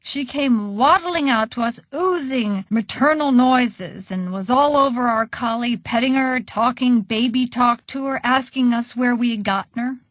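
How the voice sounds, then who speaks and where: A woman narrating an audiobook in an expressive, conversational storytelling manner. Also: on the high side, unhurried, hardly any pauses, no echo.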